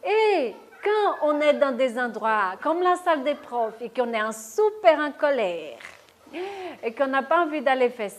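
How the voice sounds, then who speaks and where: A woman's voice: high-pitched, very animated, a little slow. A woman leading a workshop talk, explaining a technique step by step and often checking with "d'accord?". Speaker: workshop speaker on stress. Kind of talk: live talk demonstrating tapping technique. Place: lecture room with audience.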